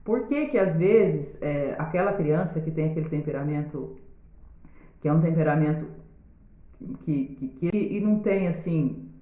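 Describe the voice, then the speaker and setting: A woman's voice: low-pitched, lively intonation, measured pace, mellow. A woman with a Brazilian Portuguese accent, a pedagogue giving parenting tips in a casual video, talking straight to viewers and often checking in with them. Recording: roomy, slightly dull sound.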